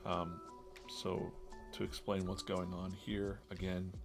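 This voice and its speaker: A man with a low, gravelly voice talks loosely on a live drawing stream, rambling and restarting his sentences as he sketches. Soft music plays faintly underneath. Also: completely flat delivery, takes it slowly. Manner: rambling, self-interrupting, business-minded. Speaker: comic artist hosting a live drawing stream. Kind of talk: casual live-stream chat while drawing.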